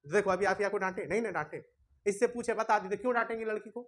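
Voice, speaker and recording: A man's voice: sits high, fast talker, fairly bright tone. Scolding male teacher. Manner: scolding, chatty, colloquial. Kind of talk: classroom lesson. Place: classroom with students.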